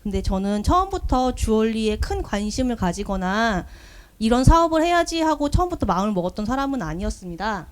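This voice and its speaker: Earnest soft-spoken woman presenting. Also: medium pitch, sing-song, fairly quick, few pauses. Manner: earnest, soft-spoken, personal storytelling with frequent fillers. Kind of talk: business showcase presentation. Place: event hall.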